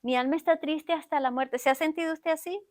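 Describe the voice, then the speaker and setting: A woman's voice: high-pitched, steady tone, fairly quick. A woman preaching a sermon in a church, often turning to the congregation with questions to draw them in. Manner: keeps asking the congregation questions. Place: church sanctuary.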